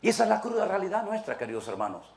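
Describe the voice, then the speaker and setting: A man's voice: high voice, very animated, racing, creaky, background noise. A man in his sixties from Venezuela, preaching an impassioned, rhetorical sermon as a pastor and acting out church members. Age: 60s.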